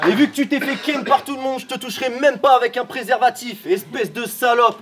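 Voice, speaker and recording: A man's voice: very high voice, fairly even intonation, brisk, crowd noise, background noise. A man battle-rapping a cappella at a live event, mocking his opponent with punchlines. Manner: mocking, punchline-heavy delivery. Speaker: battle rapper. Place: live event before a crowd.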